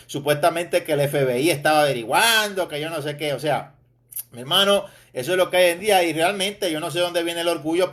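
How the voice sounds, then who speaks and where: A man's voice: fairly high pitch, a bit bright. Mocking, chuckling preacher man. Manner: mocking, chuckling, addresses listeners as brother. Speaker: preacher and Bible teacher. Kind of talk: informal online preaching.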